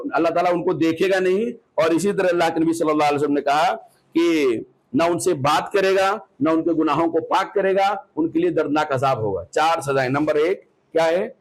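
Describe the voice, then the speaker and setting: A man teaching a hadith class, asking his students questions, repeating key points and reciting Arabic phrases slowly before explaining them. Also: on the high side, rough recording. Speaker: Islamic teacher.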